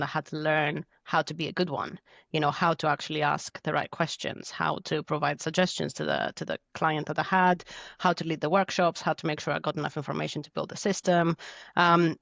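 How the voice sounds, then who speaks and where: In a clean studio recording without echo, a woman in her thirties from Greece speaks in a deep, creaky voice with a Greek accent. Appearing as a podcast guest and tech delivery lead, she gives chatty interview answers, often using fillers and restarting.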